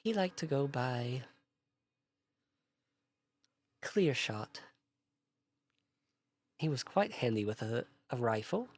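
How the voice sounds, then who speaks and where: A man gives voice to a weary female Jedi who speaks slowly and with measured care, pausing on pensive hums. The tone is calm and even, a tabletop role-play read without strain. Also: medium pitch, husky, full character voice. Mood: reflective. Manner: slow, measured, thoughtful hums.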